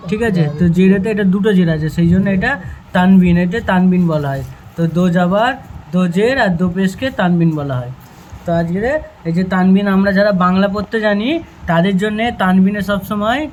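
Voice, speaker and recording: A man's voice: high voice, darkish tone. A man teaching a Quran reading lesson, patiently drilling letter sounds one by one and often checking that his pupils follow. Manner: checks in with "thik ache?". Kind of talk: children's Noorani Qaida lesson. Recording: dull lo-fi sound with faint hiss.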